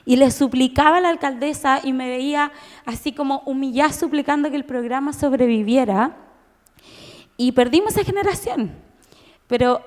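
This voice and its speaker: Chilean woman in an echoing church. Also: high-pitched. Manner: emotional, animated storytelling with many restarts. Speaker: conference speaker. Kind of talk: personal testimony talk. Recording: long reverb of a church hall.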